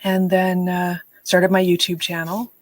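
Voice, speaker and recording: A woman's voice: lowish voice, monotone, unhurried, no room sound, poor audio. Chatty woman hosting a live stream. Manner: chatty storyteller, laughs often. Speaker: host of live writing sprints. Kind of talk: casual livestream chat.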